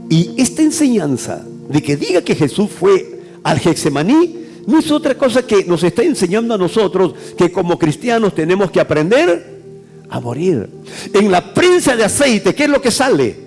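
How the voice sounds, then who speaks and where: A middle-aged pastor, preaching a sermon that swells loud and drops to hushed phrases. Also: male voice, sits high, sing-song, moderate pace, gravelly, faint music behind. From Peru.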